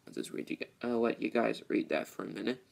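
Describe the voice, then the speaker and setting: A man hosting a casual, rambling vlog, halting and repeating his phrases as he goes. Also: medium pitch, level tone, vocal fry. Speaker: video host, toy train hobbyist.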